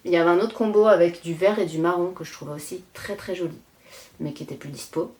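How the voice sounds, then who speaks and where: Woman host, 30s, from France; low voice, easygoing rambling chat with fillers. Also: fast, a little mellow. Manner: chatty, rambling, frequent "euh" fillers, self-deprecating laughs. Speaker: knitting podcast host. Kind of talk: casual chat.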